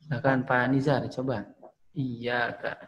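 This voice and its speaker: Slow, patient male recitation teacher. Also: mid-range voice, little pitch movement, fairly bright tone, poor audio. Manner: explains, then models slow drawn-out recitation. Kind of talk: online tajwid class with drills.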